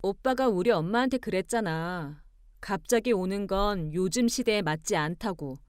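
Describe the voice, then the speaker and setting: A woman voicing a composed young wife who argues back calmly and pointedly. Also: mid-range voice, moderate pace, clean tone, no room sound, studio quality, natural voice. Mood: cool firm. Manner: calm, pointed, arguing with cool logic.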